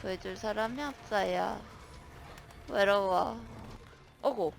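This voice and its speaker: A woman streamer commenting on her own gameplay, excitable, shouting commands and cursing at monsters. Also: mid-range voice, takes it slowly, gravelly, slight background noise. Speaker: gaming streamer.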